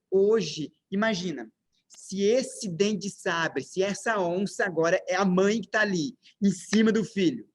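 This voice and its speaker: With a high voice, a Brazilian man speaking with a Brazilian Portuguese accent gives a parenting lecture among slides, stressing his points with emphasis. He asks his audience many rhetorical questions.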